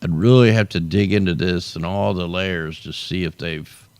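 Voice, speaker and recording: A deep, smooth voice at normal speed, with no room sound in the recording. The tired host is losing his voice as he loosely talks through the weather over satellite maps, conversational and drawling "man" onto his lines.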